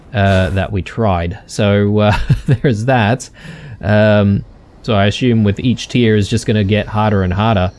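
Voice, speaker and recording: A man's voice: on the low side, a little mellow, a little hiss or hum. A man hosting a let's play, chatting casually to viewers with many ums and uhs. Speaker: gaming channel host.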